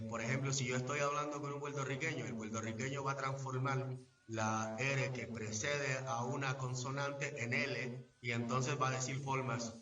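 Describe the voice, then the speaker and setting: A Mexican-accented man lays things out patiently, like a teacher who checks you are following. His voice is bright and forward. He sounds distant from the mic, with an echoey, somewhat dull sound from a big room. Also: mid-range voice. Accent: Mexican Spanish. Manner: didactic, measured, asks if understood. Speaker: voice actor, interview guest. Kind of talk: live event interview, explaining at length. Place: event venue.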